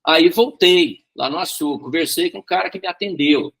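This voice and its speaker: A man's voice: a little high, normal speed, creaky, a bit bright, slightly rough. A man teaching a Bible study and telling a personal story, often repeating words and tagging his sentences with questions.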